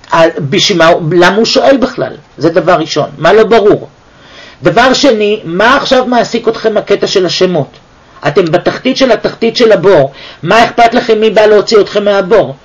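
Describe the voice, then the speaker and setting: A man giving a weekly Torah portion lesson, talking in a lively way and firing off rhetorical questions. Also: high-pitched, husky. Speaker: Torah teacher. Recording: dull lo-fi recording.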